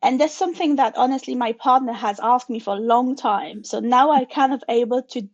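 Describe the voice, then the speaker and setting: A native French speaker in her forties, appearing as a guest in a conversational interview, answers in English with a slightly raised, a little high voice at a fairly quick pace. Thoughtful but hesitant, she often restarts and searches for words, with non-native phrasing, and the recording sounds dull and muffled.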